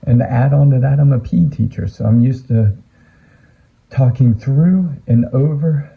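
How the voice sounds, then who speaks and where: A man with a raspy, worn-out voice, hoarse from a week of teaching, chatting casually and earnestly to camera with lots of ums as he talks about his card collection. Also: medium pitch, normal speed. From Atlanta, United States. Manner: rambling, earnest, many ums. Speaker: sports card collecting YouTuber. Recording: phone-like narrow sound.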